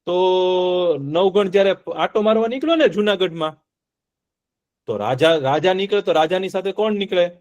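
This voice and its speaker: Male storyteller, high voice, keeps the kids involved with questions. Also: normal speed. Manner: lively, asks the children questions as he tells. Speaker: storyteller for children. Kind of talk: telling a folk tale to children in an online class.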